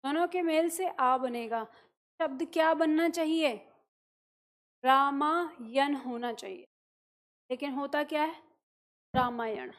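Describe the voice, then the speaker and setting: A woman teaching a grammar lesson, explaining patiently, asking the class questions and answering them herself, repeating sounds slowly to show them. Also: sits high.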